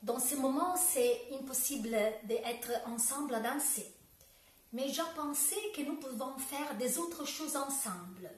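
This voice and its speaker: Italian woman talking french to camera at home, slow, hunts for words, roomy echo. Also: sits high, distant mic. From Italy. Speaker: dance teacher. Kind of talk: direct-to-camera video talk. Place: home room with bookshelves, indoors. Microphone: camera a few metres away. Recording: echoey room.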